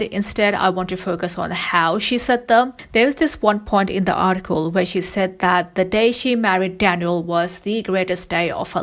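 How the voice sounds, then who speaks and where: Woman delivering critical commentary. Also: mid-range voice. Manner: critical, analytical, pointed. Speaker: video essay commentator. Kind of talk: scripted commentary.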